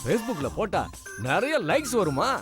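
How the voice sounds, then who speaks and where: An actor playing a fawning, greedy middle-aged marriage broker in a Tamil Nadu Tamil television serial, flattering and eager. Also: male voice, high voice, unhurried. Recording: loud music score underneath.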